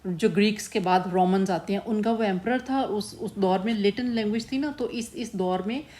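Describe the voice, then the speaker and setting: A woman's voice: medium pitch, warm tone. Woman teacher explaining poetry patiently. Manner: explains slowly, mixing Hindi-Urdu with English terms, addresses students as beta. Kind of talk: classroom lecture.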